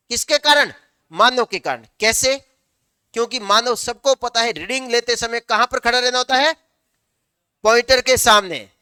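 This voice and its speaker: A male teacher giving a lecture, asking the class questions and answering them himself, sometimes slowing down to dictate notes word by word. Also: very high-pitched, bright, forceful tone, smooth, no room sound, clean studio sound.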